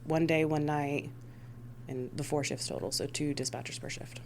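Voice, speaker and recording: Speaking at a moderate pace with a steady tone, this American woman from Missouri and Rhode Island talks conversationally as an interviewed emergency dispatch supervisor. Her low voice carries some vocal fry, and the background is noisy.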